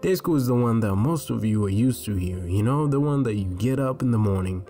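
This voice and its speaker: Joking Tanzanian-born teen narrator. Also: male voice, mid-range voice, animated, a little fast, warm tone, faint music behind. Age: teens. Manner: joking, slangy, casual. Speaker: animation storyteller. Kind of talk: scripted comedic narration.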